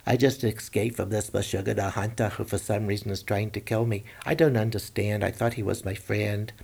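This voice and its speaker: A man's voice: fairly low pitch, fairly even intonation, normal speed, vocal fry, darkish tone, breathy edge. A man voicing a sweet, bewildered young princess in a plaintive, put-on girlish tone.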